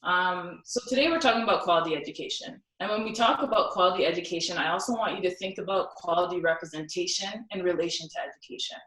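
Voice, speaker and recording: A young woman from South Sudan speaks earnestly at a symposium, giving a personal talk that includes a recited poem, with plenty of ums. Her voice is on the low side and a bit bright, and she talks quickly with hardly any pauses. The distant mic picks her up in an echoey room.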